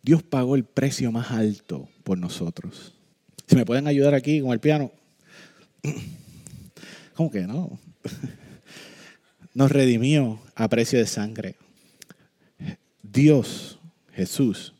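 A man preaching a sermon, joking and animated at times, then slowing into solemn, deliberate points. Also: fairly low pitch. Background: soft piano music.

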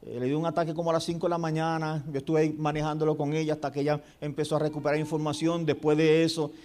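A man's voice: fairly high pitch, racing. A man, a pastor telling a story in a sermon and acting out the dialogue. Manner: storytelling with animated quoted dialogue.

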